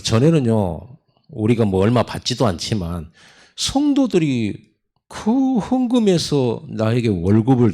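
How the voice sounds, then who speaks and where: A man from Korea, a pastor, preaching a sermon in a conversational storytelling way with sudden loud emphasis. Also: medium pitch. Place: church sanctuary.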